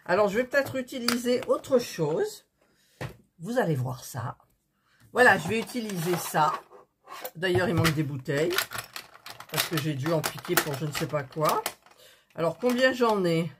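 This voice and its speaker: A woman chatting casually to viewers while doing a craft, thinking aloud with many hesitations and counting items out loud. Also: fairly low pitch, very animated, moderate pace, pauses often, noisy background. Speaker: crafting video host.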